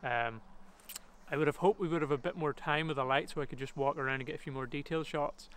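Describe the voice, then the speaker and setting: Relaxed man rambling outdoors on location. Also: on the high side, quick pace, low-quality recording. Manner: relaxed, rambling, lots of fillers and restarts. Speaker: photographer and vlogger. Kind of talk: casual commentary while shooting photos. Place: outdoors at an abandoned building in the countryside.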